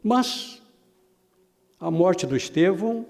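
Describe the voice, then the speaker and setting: A man's voice: high-pitched, lively intonation, takes it slowly, gravelly, a little mellow. A man teaching a Bible lesson in a preaching style, dramatic, acting out imagined dialogues and repeating phrases for emphasis. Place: church hall. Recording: long hall reverb.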